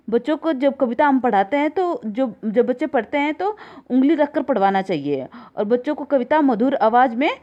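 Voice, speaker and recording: A woman's voice: high voice, warm tone, highs cut off. A woman teacher reading out exam questions, each one twice, then explaining them with simple examples. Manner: addresses viewers as friends.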